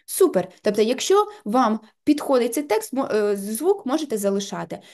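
A woman giving a patient, step-by-step software tutorial, leaning on filler words as she goes. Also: fairly high pitch, very animated, moderate pace.

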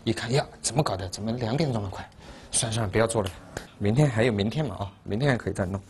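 A man in his thirties from Sichuan, speaking casually and haltingly in an interview in a cluttered workshop. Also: fairly low pitch, darkish tone. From Sichuan, China. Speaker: barber and hobby plane builder.

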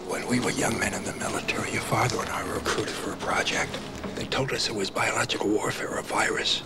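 An actor playing a paranoid older conspiracy writer who talks in a hushed, urgent whisper, heard from a worn VHS tape copy. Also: male voice, on the low side, fairly even intonation, fast, loud music behind the voice. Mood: conspiratorial. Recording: hissy worn videotape copy.

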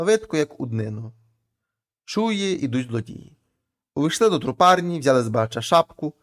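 Male folk-tale narrator, animated delivery, bright lively pitch. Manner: animated storytelling. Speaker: storyteller.

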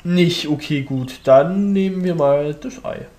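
Higher-voiced man doing casual game commentary. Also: measured pace, dark tone. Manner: thinking aloud in fragments. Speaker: let's play host.

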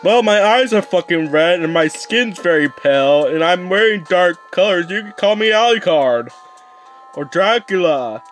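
A man's voice: sits high, animated, measured pace, a bit bright, faint music behind. A young man rambling through casual let's play commentary, swearing often and restarting his sentences. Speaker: gaming YouTuber.

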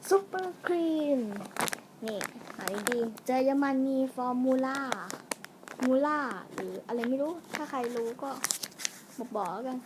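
A woman with a fairly high voice talks casually to her viewers while unboxing toys at home, wandering off into musings mid-sentence. It is a home camera recording with clear noise underneath. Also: measured pace. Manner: chatty, addresses viewers, trails off and muses aloud. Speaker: vlogger reviewing toys and snacks. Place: room at home.

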